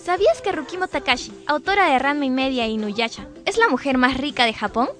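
Chirpy high woman promo voice. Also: lively intonation, quick pace, over loud music. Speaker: promo announcer. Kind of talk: radio promo read.

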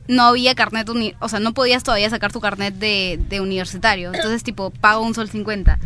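A woman's voice: medium pitch, pushed and bright. Young Peruvian woman telling stories. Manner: chatty storyteller, many fillers like "tipo" and "o sea". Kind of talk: casual group chat.

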